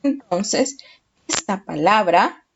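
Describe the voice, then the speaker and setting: A woman teaching children, speaking slowly and patiently, asking questions and then answering them herself. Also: mid-range voice, expressive, a little hiss or hum. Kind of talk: children's lesson. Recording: dull lo-fi recording.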